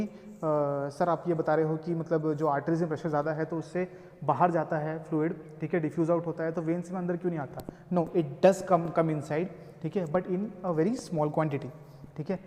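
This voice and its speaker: A man's voice: high-pitched, warm tone. A male lecturer explaining step by step and checking in often with his students. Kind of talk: code-mixed classroom lecture. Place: classroom. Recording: reverberant room.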